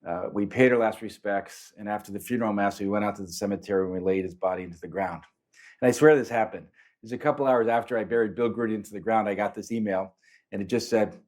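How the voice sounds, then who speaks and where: Middle-aged man, lowish voice, anecdotal storyteller who animates his quotes, panel-talk register. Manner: anecdotal, animated when quoting others. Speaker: priest and panelist.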